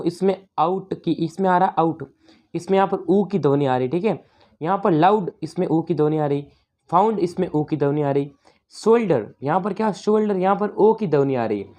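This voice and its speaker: A woman teacher with a Rajasthani Hindi accent explaining an exam paper step by step, calling the viewers "friends" and reading the English questions slowly. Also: lowish voice, mellow. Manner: explanatory, repeats "dosto", slow English readings. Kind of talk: exam paper walkthrough lesson.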